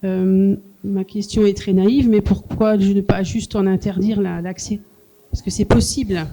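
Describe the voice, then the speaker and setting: An audience member asking a question softly and haltingly, repeating words. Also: medium pitch, flat delivery, poor audio. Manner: soft-spoken, halting.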